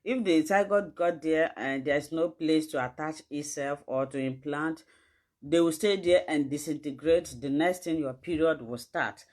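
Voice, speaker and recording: A woman's voice: low voice, unhurried, a little mellow. A woman with a West African, Nigerian accent giving an informal livestream health lesson, addressing viewers directly and emphatically with rhetorical questions. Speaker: online health teacher.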